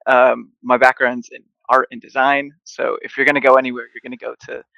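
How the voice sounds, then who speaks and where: A young agency founder from Mexico joins a podcast remotely from his home, joking around in a relaxed interview over video call. He speaks fairly quickly in a level, medium-pitched voice that's creaky with a sharp edge. There's no room sound, and the highs are cut off.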